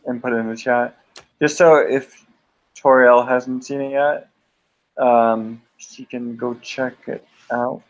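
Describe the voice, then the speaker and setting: A man's voice: mid-range voice, fairly even intonation, slow pace, lo-fi sound. A male streamer chatting casually, mumbling to himself while he browses. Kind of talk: casual chat.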